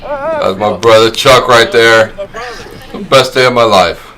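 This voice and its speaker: A man's voice: medium pitch, lively intonation, a little slow, crowd noise. A man appearing as a guest on a live stream, talking casually in an easygoing, jokey way.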